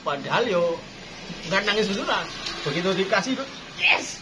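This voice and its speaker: A man's voice: high voice, sing-song, fairly quick. A male preacher giving a playful religious study talk, acting out tearful pleading prayers. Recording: dull lo-fi sound, faint background noise.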